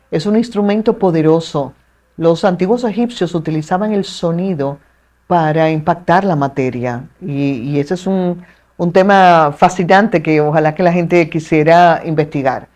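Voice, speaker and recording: Dominican woman, lower-pitched, poised expert guest, expressive and articulate. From Dominican Republic. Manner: articulate, measured, expressive with playful asides. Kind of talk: explanatory interview talk.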